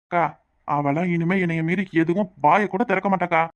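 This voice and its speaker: A woman's voice: lowish voice, brisk, dull audio, lightly acted. A woman voicing a sly, scheming village man in a cartoon, speaking with a Tirunelveli Tamil accent. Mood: boastful. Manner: sly, conspiratorial. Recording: cartoon dub with music underneath.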